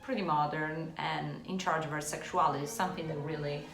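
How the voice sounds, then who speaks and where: Art historian woman explaining on a chat show, hesitant, fairly low pitch, roomy echo with faint music. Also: fairly even intonation, brisk, creaky.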